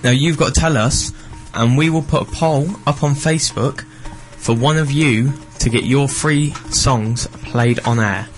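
A man's voice: medium pitch, a little slow, few pauses, faint music behind. A young man chatting casually as the co-host of a radio show.

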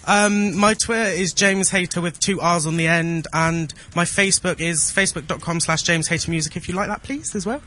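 A man with a fairly high voice gives short, casual answers as a radio guest. He sounds modest and polite. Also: steady tone, a little fast, few pauses, pushed and bright. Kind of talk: brief casual interview replies.

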